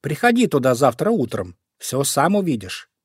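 A man's voice: medium pitch, sing-song, normal speed, husky, no echo, studio quality. A man voicing a sly, scheming female fox who talks sweetly, in a storybook reading. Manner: sly, sugary.

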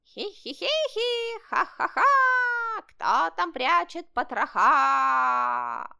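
A woman voicing playful ghosts in a storybook reading, shrieking and cackling a slow chant. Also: extremely high pitch, very animated, creaky, pushed and bright, voice pushed up, exaggerated voice. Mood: spooky.

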